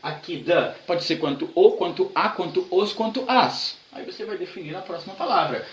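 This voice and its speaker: A man's voice: high voice, animated, moderate pace, echoey room, rough recording. A man from Brazil teaching an online English grammar lesson, explaining patiently and repeating examples.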